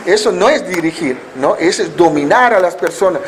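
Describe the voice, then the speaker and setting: High-voiced man preaching a Sunday sermon. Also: expressive, a little fast, reverberant, heavy background noise. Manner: asks the congregation questions and answers them himself; acts out foolish attitudes in mocking voices. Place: church hall.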